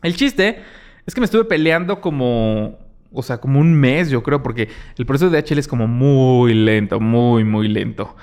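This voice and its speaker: Man, mexican accent, podcast host, casual, animated, acts out dialogue. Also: mid-range voice, normal speed, clear, resonant tone. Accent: Mexican Spanish. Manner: animated, acts out quoted exchanges, many fillers. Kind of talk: casual storytelling monologue.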